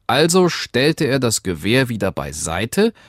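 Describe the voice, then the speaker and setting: A man narrating a fairy tale in an expressive, animated storybook reading. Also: medium pitch, unhurried, no echo, clean studio sound.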